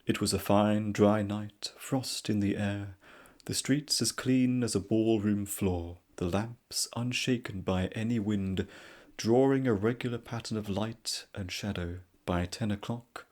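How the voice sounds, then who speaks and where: A soft-spoken man narrating a classic story in a slow, measured manner. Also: fairly low pitch.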